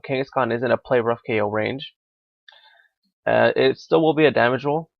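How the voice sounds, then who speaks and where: Slightly hoarse from being sick, this young man's gravelly, raspy voice sits at medium pitch and moves at a moderate pace as he commentates a competitive match live. He reasons out loud with frequent fillers, captured in a dull, dry, lo-fi recording.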